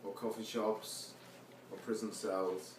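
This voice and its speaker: Taking his time in a lowish, level voice, a poet presents his own work to a seated audience at a live reading. His casual introductions carry a wry, self-mocking wit. The sound is distant, echoey and noisy.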